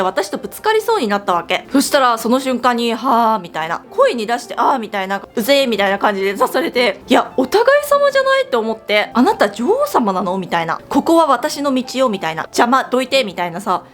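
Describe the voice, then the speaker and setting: Woman, from Japan, beauty vlogger, casual makeup chat, quick delivery, somewhat high voice. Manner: chatty, animated storytelling.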